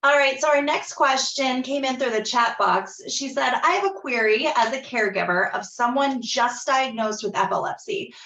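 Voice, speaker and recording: A woman with a fairly high voice moderates a webinar, briskly reading out questions from the audience. Her voice sounds roomy and echoey. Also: fairly bright tone, slight background noise. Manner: brisk, reads questions aloud. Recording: roomy echo.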